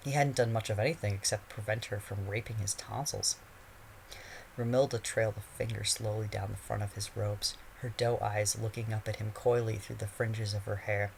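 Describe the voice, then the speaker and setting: A man narrating a fan fiction chapter in a steady storytelling voice. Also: fairly low pitch, normal speed, creaky, a little hiss or hum, poor audio. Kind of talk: reading fan fiction aloud.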